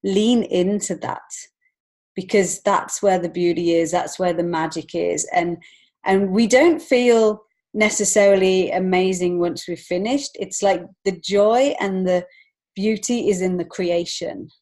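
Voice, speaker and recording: An English woman, a children's author and illustrator, appears as a guest on a podcast, speaking reflectively and earnestly in a conversational interview. Her voice is fairly low and a little mellow, and she takes her time.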